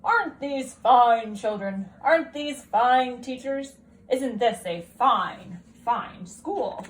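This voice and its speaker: A woman voicing a proud, exuberant male school principal in a storybook, with drawn-out, emphatic exclamations. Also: on the high side, lively intonation, slight background noise. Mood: admiring. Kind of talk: storybook character read aloud.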